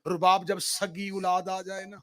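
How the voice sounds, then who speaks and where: A man's voice: high-pitched, level tone. A man, a religious orator, reciting a mourning sermon as mournful, dramatic storytelling and voicing the people in the story.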